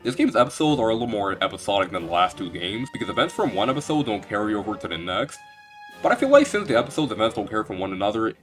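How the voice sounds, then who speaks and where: A man's voice: on the low side, a bit bright. A young man giving a casual video game retrospective, rambling and joking with lots of restarts.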